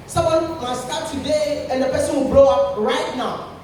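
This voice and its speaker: A man giving a lively motivational talk to an audience, animated, repeating himself and laughing often. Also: very high voice, normal speed, a little hiss or hum. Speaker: speaker at a creators' session. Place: indoor event room with audience. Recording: echoey event hall, from far off.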